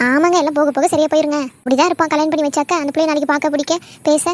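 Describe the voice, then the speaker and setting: A woman's voice: sits high, little pitch movement, slight background noise, natural voice. A woman voicing a fussy middle-aged mother of four sons in a cartoon, talking in a scolding, nagging way. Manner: scolding, nagging, rapid-fire. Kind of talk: cartoon voice acting.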